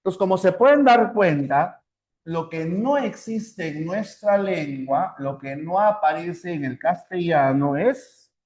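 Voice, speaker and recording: A man's voice: on the high side, expressive, slow, darkish tone, echoey room. A man teaching a language class, explaining step by step, repeating points and checking in with short tag questions. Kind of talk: online class lecture.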